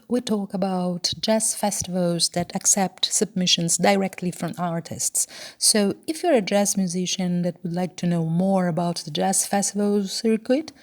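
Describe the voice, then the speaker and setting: A woman hosting a podcast, reading a scripted introduction with clear, upbeat delivery and then asking interview questions. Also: lowish voice.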